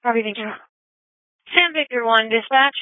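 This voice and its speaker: A woman's voice: on the high side, moderate pace, no echo. A woman working as a dispatcher, giving terse, clipped calls over a two-way radio with static bursts. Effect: two-way radio transmission with static bursts. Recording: tinny radio transmission, dry.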